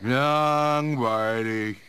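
A man voicing the dumb, hungry, brutish head of a two-headed giant ogre in a video game, gravelly and grunting in short, primitive phrases. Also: medium pitch, very slow, a bit bright, slight background noise. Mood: grumpy, blunt. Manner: blunt grunting third-person speech in short primitive phrases. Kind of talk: fantasy video game acting.

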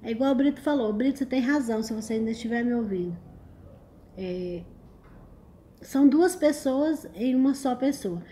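Brazilian lady doing a live chat, bit high voice, warm and mellow, teasing and exclaiming. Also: normal speed. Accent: Brazilian Portuguese. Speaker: livestream host. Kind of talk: casual live chat, reading comments.

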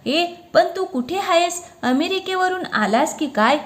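A woman's voice: very high-pitched, expressive, measured pace, pitched above the performer's own voice. A woman voicing a boisterous young man scolding and joking with his old friend in a read-aloud story. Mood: bantering. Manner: scolding banter, loud and friendly.

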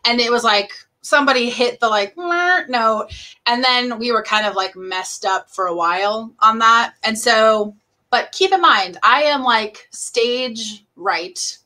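A woman's voice: a little high, sharp tone. A woman being interviewed as a guest, talking casually and chattily, with lots of "like" and laughter. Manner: chatty, fast, says "like" a lot, laughs often. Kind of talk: casual conversation.

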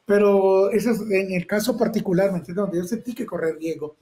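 A middle-aged Nicaraguan man, a photojournalist, telling his experiences vividly in an interview, acting out shouts and sound effects. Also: high-pitched, fairly even intonation, fairly quick, poor audio. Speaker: photojournalist guest. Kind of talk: personal storytelling interview.

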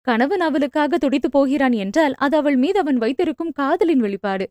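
A woman narrating an audio novel in a steady, expressive reading. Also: high-pitched, brisk, no echo. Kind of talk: scripted storybook narration.

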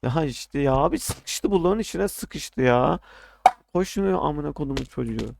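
A man's voice: fairly high pitch, expressive, normal speed, creaky. A young man casually commenting on his own gameplay, often frustrated, ranting and swearing at the game. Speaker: gaming streamer.

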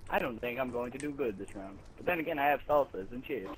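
A young man chatting and swearing while playing an online shooter with friends, loud and joking. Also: mid-range voice, animated, fast talker, rough recording. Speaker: gamer. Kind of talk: casual multiplayer game chat. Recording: faint background noise.

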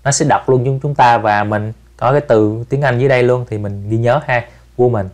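A man, hosting a relaxed step-by-step app tutorial and softening his phrases with tag particles. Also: medium pitch, a little fast. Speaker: channel host giving an app tutorial. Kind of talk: casual screen-recorded tutorial.

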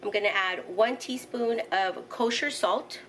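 Speaking a little slowly in a medium-pitched, slightly bright voice, a middle-aged woman hosting a home cooking channel walks through a recipe step by step. Her casual, friendly instruction includes fillers, recorded in a kitchen with light noise.

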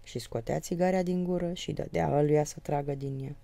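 A woman reading a novel aloud in a lively, expressive way, shifting her voice for the characters. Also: low voice, creaky, dry recording. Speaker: audiobook reader.

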